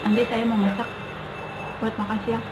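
A woman's voice: on the high side, flat delivery, moderate pace, reverberant, noisy background. A young woman chats casually in short remarks, talking with her mouth full as she eats. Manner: talks with mouth full while eating fruit. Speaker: mukbang vlogger. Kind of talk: casual eating-show chat in short remarks. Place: small indoor kitchen. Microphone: camera or phone at arm's length. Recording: dull lo-fi sound, music over it. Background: clear background music.

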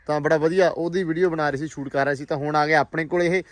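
A man's voice: on the high side, steady tone, fast talker, dry recording. A man with a Pakistani Punjabi accent chatting casually as a vlog host, exclamatory and teasing. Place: outdoors on a village farm.

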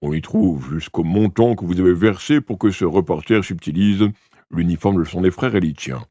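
A man voicing a weary, stern old king in an audiobook, speaking slowly and gravely. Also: mellow, no room sound, clean studio sound. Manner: slow, low and deliberate, dropping to confiding. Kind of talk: audiobook character voice.

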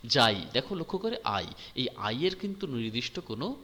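A man's voice: mid-range voice, big pitch swings, fairly quick, bright, forceful tone. A male teacher explaining grammar in a lesson, often asking and answering his own questions. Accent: Bengali. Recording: long hall reverb.

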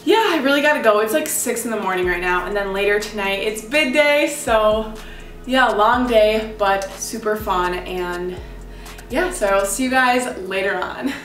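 A woman's voice: medium pitch, normal speed, fairly bright tone, soft background music. A young woman chatting casually to camera as a vlogger, with a bubbly, gushing sorority-girl manner. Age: young adult. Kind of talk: casual chat to camera about outfits. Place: small indoor room in a home, standing before a door. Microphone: camera mic a few steps away. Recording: echoey room, slightly distant mic.

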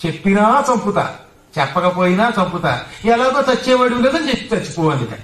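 A man's voice: sits high, very animated, brisk, fairly bright tone. A man giving a devotional scripture discourse, telling the story with humor and chanting verses. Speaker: religious discourse speaker. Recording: roomy hall, distant mic.

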